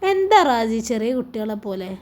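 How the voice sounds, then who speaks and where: A woman voicing a cheerful young wife who gently coaxes her husband, in a Malappuram Malayalam accent. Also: on the high side, sing-song, normal speed, voice pushed down. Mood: coaxing.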